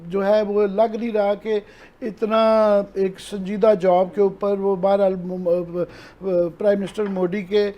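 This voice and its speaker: A man's voice: sits high, little pitch movement, dark tone. A man with a Pakistani Urdu accent, explaining events earnestly as an analyst on a news talk show and mixing in English terms. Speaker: political analyst.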